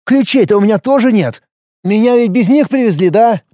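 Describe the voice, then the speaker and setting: A man's voice: high voice, lively intonation, brisk, warm tone, no room sound, studio quality, voice pushed up. A man voicing a confused, lonely young man who sounds rattled and lost. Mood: bewildered.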